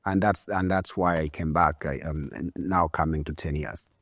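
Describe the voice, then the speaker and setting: A man in his forties from Uganda, a guest on a podcast, talks in a relaxed, reflective way and often pauses on fillers. His voice is very low and recorded dry and close. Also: dry recording. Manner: relaxed, thoughtful, with frequent fillers. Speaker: guest entrepreneur. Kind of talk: conversational interview.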